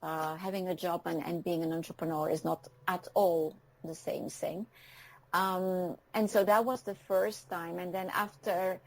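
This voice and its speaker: A woman's voice: fairly low pitch, steady tone, gravelly, rough recording. A woman in her fifties from France, whose first languages are French and Dutch, speaking as a guest on an internet radio show. She talks in a reflective way and often stops to say "um.". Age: 50s. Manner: reflective, pausing often with ums.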